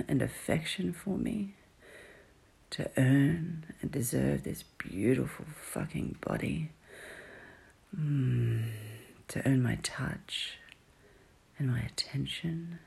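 A woman performing an intimate whispered roleplay audio, teasing and murmuring softly in a low whisper. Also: slow, creaky, long pauses, breathy edge.

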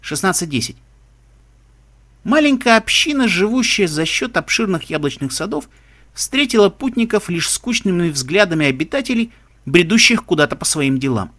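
A man narrating a story as an audiobook reading, in a steady, measured way. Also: high voice.

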